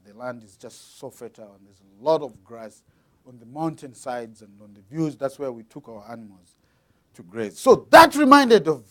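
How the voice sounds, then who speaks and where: A man from Zambia preaching a sermon, explaining patiently to the congregation and reading aloud with dramatic swings in loudness. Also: a little high.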